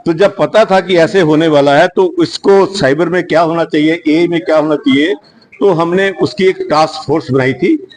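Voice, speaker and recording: A man's voice: fairly high pitch, normal speed, darkish tone, low-quality recording. A man who leads a security industry association gives an unscripted media statement in an earnest, rambling way, with frequent restarts.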